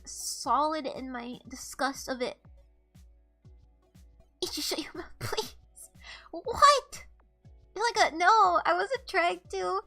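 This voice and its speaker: A young woman streamer with a high, bright, slightly nasal voice chats casually on a live stream. She rambles and swears, filling her speech with lots of "like" and "bro."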